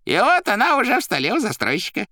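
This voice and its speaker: A man voicing a fussy, mocking male demon clerk in an audiobook, shrill and theatrical. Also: huge pitch swings, fast talker, pushed and bright, dry recording, studio quality, full character voice. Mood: gleeful. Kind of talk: audiobook character voice.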